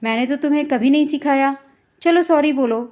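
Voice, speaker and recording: A woman's voice: sits high, fairly quick, a little mellow, close to an everyday voice. A woman playing a strict young mother. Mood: scolding. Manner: scolding, then coaxing. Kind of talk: storytelling role voice.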